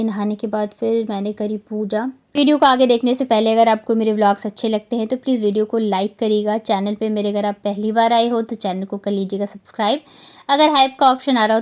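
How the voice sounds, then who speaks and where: A woman's voice: on the high side, fairly even intonation, a little fast. A woman in her thirties from Bihar, narrating her home vlog in a chatty, rambling way with many fillers. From Bihar, India. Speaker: vlogger. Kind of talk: casual vlog voice-over narration.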